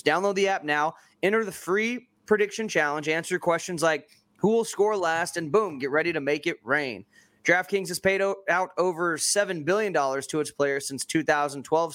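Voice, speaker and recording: A man's voice: fairly high pitch, fairly bright tone, dry recording. A man, a podcast host, reading promotional ad copy in an upbeat, hyped, salesy way. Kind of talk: upbeat scripted ad read.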